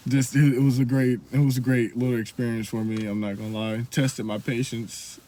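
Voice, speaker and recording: A man's voice: mid-range voice, flat delivery, brisk, mellow, a little hiss or hum. A young man casually recounting a story about an old job, blunt and profane. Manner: blunt, profane, laid-back retelling. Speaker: storyteller vlogger.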